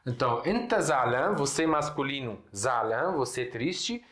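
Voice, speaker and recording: A man's voice: medium pitch, lively intonation, unhurried, fairly bright tone. Male language teacher from Syria, mid-range voice, patient and repetitive, recorded in an echoey room. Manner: patient, repeats words and checks in with "né?". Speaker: Arabic teacher. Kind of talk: casual language lesson. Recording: roomy echo.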